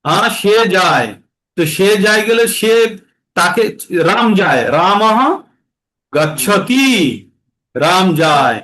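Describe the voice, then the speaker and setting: High-voiced man teaching verse chanting. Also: expressive, pushed and bright, poor audio. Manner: slows to chant verses syllable by syllable; patient, explanatory, checks understanding. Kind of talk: online class teaching verse recitation.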